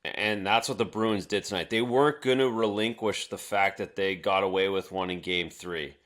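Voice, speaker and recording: A man co-hosting a sports podcast, analyzing calmly and stumbling over repeated words. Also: sits low. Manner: measured, repeats words while building a point. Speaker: podcast co-host. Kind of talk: casual sports talk.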